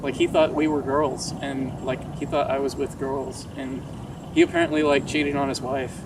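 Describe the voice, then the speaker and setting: A man's voice: mid-range voice, little pitch movement, moderate pace. A young American man casually telling an anecdote, swearing freely and animatedly acting out quoted dialogue. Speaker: vlogger telling a story. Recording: distant mic, clear outdoor traffic noise.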